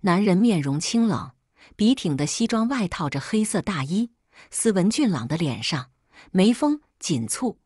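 A woman narrates a first-person drama story in a low, breathy voice with a measured, even delivery. The recording is dry and close, with no room sound. It reads like an audio storybook. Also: no room sound.

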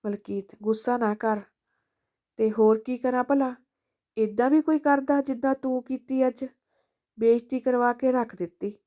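A woman's voice: a little high, steady tone, moderate pace, warm tone, natural voice. A woman voicing a grown son who is short-tempered and scolds his mother, in a storybook reading. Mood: scolding.

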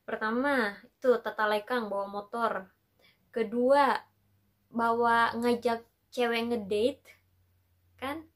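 A young woman from tells a casual storytime vlog. Her voice sits a little high, and she talks in a chatty, playful way with frequent laughs. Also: steady tone, slow, pauses often. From Makassar, Indonesia. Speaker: vlogger.

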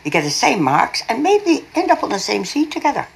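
An older woman with a Northern Irish accent playing a pious, sharp-tongued grandmother in a film drama, dry and teasing. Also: on the high side, big pitch swings, fairly quick, vocal fry, slightly rough, full character voice, rough recording.

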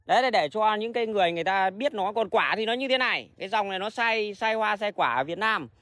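Man, high voice, rapid rambling livestream chat, blunt and swearing, dry close sound. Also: fairly bright tone, no echo. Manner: blunt, rambling, swears freely, many restarts. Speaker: livestream host selling plants.

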